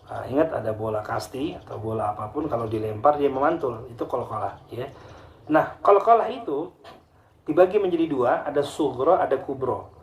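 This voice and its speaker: Patient Indonesian teacher in an echoey room. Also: male voice, medium pitch, expressive, a little hiss or hum. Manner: patient, repeats and chants Quranic examples slowly. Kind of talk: tajwid lesson for students.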